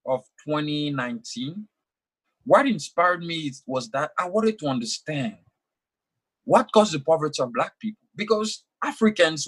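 A young French-speaking man, voice fairly high and fairly bright, talks earnestly as an author being interviewed. It's a conversational interview, and he often repeats words as he thinks.

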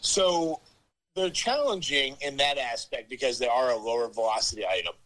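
Guy on speakerphone giving biz advice, measured, lots of examples. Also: medium pitch, lively intonation, fairly bright tone, rough recording. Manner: measured, explains with examples and "right?" checks. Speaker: experienced entrepreneur giving advice. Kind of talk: explanatory business advice. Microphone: phone on speaker.

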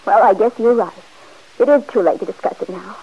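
A 1940s radio drama, preserved in a dull old recording, features a young actress as a headstrong woman on the verge of marriage. Insistent and defensive, she talks fairly quickly in a natural, medium-pitched voice with a breathy edge.

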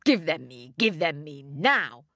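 A woman's voice: deep voice, very animated, a little slow, bright, forceful tone, dry recording, studio quality, voice pushed down, full character voice. A woman voicing a greedy, grasping stepmother in a told fairy tale, growling, lip-smacking and demanding.

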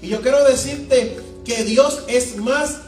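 High-voiced preacher, echoey church. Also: male voice, slow pace. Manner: animated, storytelling, emphatic. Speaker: pastor. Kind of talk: sermon. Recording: echoey room, mic at a distance, music behind.

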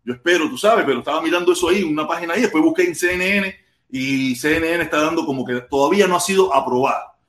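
A man's voice: on the high side, fast talker, a bit bright, reverberant. A man with a Cuban accent hosting a casual livestream and reading viewer comments. He rambles, repeats himself and curses crudely. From Cuba. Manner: rambling and repetitive, crude cursing. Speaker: livestream host.

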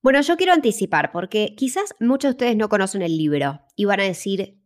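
A woman's voice: mid-range voice, expressive, brisk. A woman with a Rioplatense Spanish accent co-hosting a podcast, upbeat and playful as she teases her co-host. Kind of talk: casual podcast chat.

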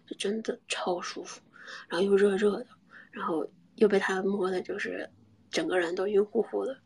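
A young woman telling a personal story in a soft, often half-whispered voice, hesitant and full of restarts. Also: mid-range voice, fairly even intonation, moderate pace, creaky, husky.

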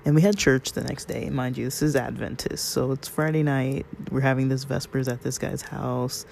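A man's voice: mid-range voice, level tone, moderate pace, creaky, a little mellow, slight background noise. A man from Southern California telling a personal story in a rambling, conversational way. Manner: rambling, conversational, quotes others in passing. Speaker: vlogger. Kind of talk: casual storytelling monologue.

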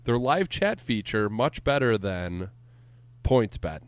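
A man co-hosting a podcast, telling a story as an animated, profane rant into a studio microphone. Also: fairly low pitch, slow pace, dry recording. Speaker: podcast co-host. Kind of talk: casual podcast banter.

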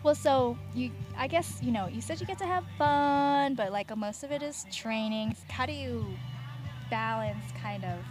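A woman's voice: a little high, normal speed, music in the background. A woman hosting a podcast, asking long rambling questions in a chatty, upbeat way and laughing easily. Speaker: podcast host. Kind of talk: casual interview chat.

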